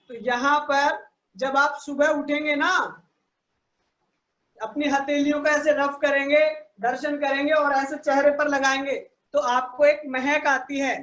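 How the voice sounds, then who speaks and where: High-pitched lady teaching kids on a video call, slow and patient, echoey muffled audio. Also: fairly bright tone. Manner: patient, explains slowly, asks "ठीक है ना" again and again. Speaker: teacher of a children's values class. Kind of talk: online class for children. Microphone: online video call.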